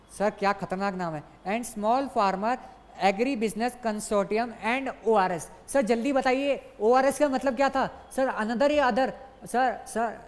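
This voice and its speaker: A young man teaching an online exam-prep lecture, brisk and coaxing, repeating key points and calling his students "sir" constantly. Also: extremely high pitch. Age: young adult. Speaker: exam tutor. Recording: long reverb, as in a large hall.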